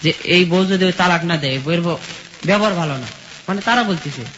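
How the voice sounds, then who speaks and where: Here a young man with a high, fairly quick voice, from a village in Bangladesh, narrates his life as a guest. Plain and colloquial, he goes step by step and quotes people's words as he tells it. Beneath the dull sound is a constant sizzling hiss.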